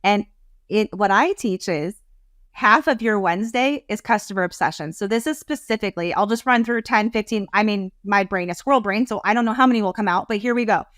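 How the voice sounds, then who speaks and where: A woman business coach talking as a podcast guest, animated, rambling and heartfelt. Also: mid-range voice, brisk, dry recording, studio quality. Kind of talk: casual interview talk.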